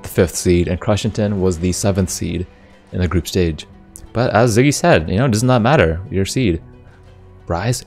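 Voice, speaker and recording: A man commenting live on an esports race, upbeat and easily excited by split times, often filling with "like". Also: fairly low pitch.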